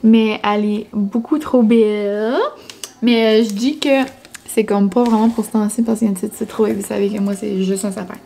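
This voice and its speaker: A woman's voice: mid-range voice, steady tone, moderate pace, gravelly, mellow, slight background noise. A young woman with a Québécois French accent chatting casually in a vlog, full of fillers like "genre" and "comme". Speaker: vlogger.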